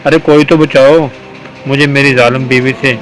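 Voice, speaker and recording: A man's voice: mid-range voice, flat delivery, faint music behind, lightly acted, low-quality recording. A man reading aloud the lines of a playful, mock-dramatic young husband in a storybook. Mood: teasing.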